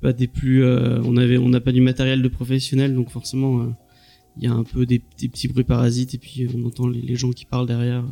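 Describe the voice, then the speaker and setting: A man co-hosts a podcast, talking in a halting way as he searches for his words. His voice is gravelly and dark, and it stays flat in pitch. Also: soft background music. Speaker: podcast co-host and sound editor. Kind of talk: casual podcast chat.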